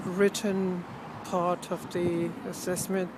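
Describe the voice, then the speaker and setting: Speaking slowly with a flat, medium-pitched delivery, a vlogger rambles casually and reflectively in the open air. Strong wind buffets the mic against city ambience, and the talk keeps trailing off and getting rephrased.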